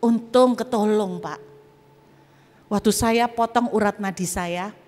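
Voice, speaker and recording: A woman's voice: medium pitch, slow pace, darkish tone. A woman pastor giving a testimony sermon in a church auditorium, telling her story animatedly with sound effects and asides to the congregation. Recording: reverberant church hall.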